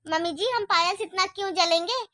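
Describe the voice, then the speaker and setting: A woman with an extremely high-pitched voice talks a bit fast in a dry, studio-quality recording, playing a tired young wife with children in a cartoon. Her character is in a grumbling mood, pleading and defensive, with soft complaints.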